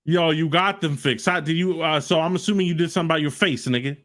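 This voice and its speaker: A man hosting a stream, loudly mocking and trash-talking another caller, repeating his insults. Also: a little high, fast talker. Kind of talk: heated trash talk on a live stream.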